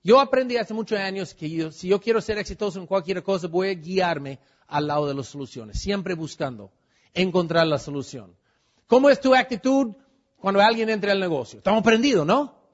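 A man's voice: high-pitched, lively intonation, a little fast. A man giving a motivational talk to a live audience. He keeps asking the crowd questions and drops English fillers into his talk. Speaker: motivational speaker at a business meeting. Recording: dull lo-fi recording.

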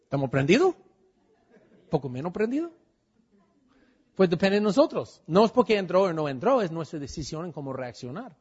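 High-voiced man giving a motivational talk. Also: sing-song, moderate pace, pauses often, darkish tone, slightly rough. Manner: keeps asking the audience questions; drops English fillers into the talk. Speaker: motivational speaker at a business meeting. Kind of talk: motivational talk to a live audience. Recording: dull lo-fi recording.

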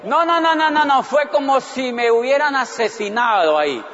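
A man, telling his own story to an audience in an animated way and acting out his past thoughts. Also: very high voice, normal speed, slight background noise. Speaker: motivational speaker. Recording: dull, echoey hall recording.

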